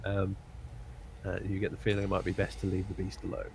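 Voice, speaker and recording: A man running a tabletop game as dungeon master, describing the scene haltingly with many ums and uhs. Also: low-pitched, monotone, creaky, darkish tone, slight background noise.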